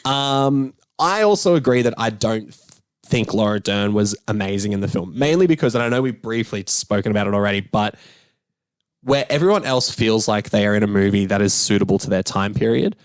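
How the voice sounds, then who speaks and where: A man with a fairly low voice chats on a podcast, rambling and animated, often restarting his sentences. The sound is dry and close, with no room around it. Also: brisk, clean tone, no room sound. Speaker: film critic, podcast co-host. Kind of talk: casual podcast chat.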